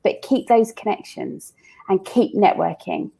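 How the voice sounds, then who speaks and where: As a guest on a podcast, a recruitment founder chats casually and illustrates her points with everyday examples, often restarting mid-sentence. Her voice is medium-pitched, mellow and slightly rough, with vocal fry and an unhurried delivery.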